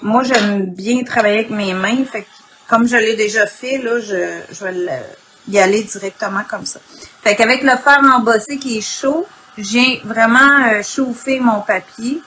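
A woman with a Quebec French accent and a husky morning voice, informally demonstrating an art technique and often clearing her throat. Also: fairly high pitch, normal speed, pushed and bright, poor audio. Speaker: craft instructor. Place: indoor craft worktable.

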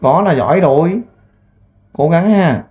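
Gentle, coaxing man. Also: fairly high pitch, lively intonation, a little slow. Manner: gentle, coaxing questions in a soft, patient tone; earnest, pleading appeal with frequent fillers. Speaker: volunteer interviewer. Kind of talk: on-the-spot interview and appeal to camera.

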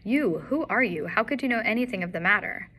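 A woman's voice: medium pitch, expressive, a little fast, a bit bright, a little hiss or hum, lightly acted. A woman voicing a frightened little man in a story reading, with a whining, quavering delivery. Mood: nervous.

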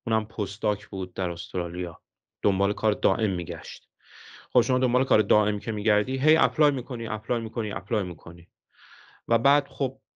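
A man's voice: medium pitch, highs cut off. A man in his thirties, a social psychologist, explaining ideas with examples in an interview, correcting himself as he goes.

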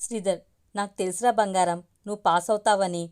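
A woman's voice: mid-range voice, fairly even intonation, quick pace, a little mellow, clear, resonant tone, lightly acted. A woman reading a doting farmer father. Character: affectionate middle-aged father, farmer.

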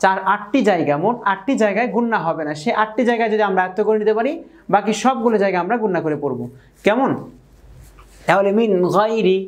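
A woman's voice: mid-range voice, lively intonation. Patient woman teaching Quran reading. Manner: spells out syllables slowly and repeats examples; checks in with listeners by asking "okay?". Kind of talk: whiteboard lesson.

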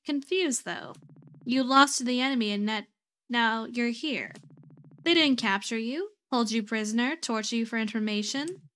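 A woman's voice: on the high side, moderate pace, fairly bright tone, natural voice. A woman voicing an ancient, weary female goddess who talks in an aloof, languid way.

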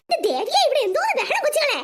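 A woman's voice: very high voice, huge pitch swings, racing, heavy background noise, heavily acted. Woman doing a flustered cartoon grandmother. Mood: fussing. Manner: exclaiming, fretful. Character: scolding grandmother, flustered and fussing. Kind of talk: cartoon voice acting.

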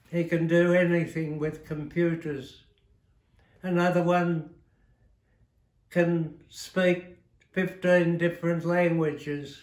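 A man in his nineties with an Australian accent, reminiscing slowly about his life in an interview, often stopping to correct himself. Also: on the high side, echoey room. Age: 90s. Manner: measured, halting, frequent self-corrections. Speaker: retired teacher and author interviewed. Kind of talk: slow reflective reminiscing. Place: living room of an aged-care home, seated in armchair.

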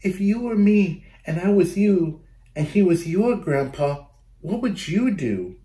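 A man's voice: high voice, big pitch swings, measured pace, dark tone, reverberant, voice pushed up. A man voicing an unsure but earnest second-grade girl from a children's storybook. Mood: earnest questioning. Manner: hesitant, earnest.

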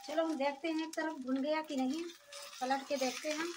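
A woman's voice: high voice, fairly even intonation, moderate pace. A woman vlogger casually explaining each step as she cooks in a small village kitchen. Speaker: cooking vlogger. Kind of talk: casual cooking narration. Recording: distant phone audio with sizzling noise.

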